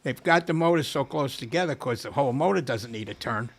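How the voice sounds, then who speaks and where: A man's voice: medium pitch, animated, a little fast, slightly rough. An older man, a guest on a podcast, chatting casually and joking. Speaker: guest, racing veteran. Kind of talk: casual chat.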